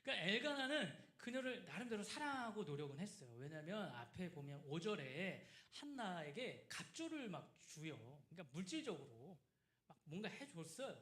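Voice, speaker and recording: Male pastor preaching to his congregation, playing out voices as he goes, lively pitch, recorded in a reverberant sanctuary. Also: moderate pace. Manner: acts out quoted people in lively asides, asks the congregation questions. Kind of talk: sermon. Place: church sanctuary. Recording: roomy church echo.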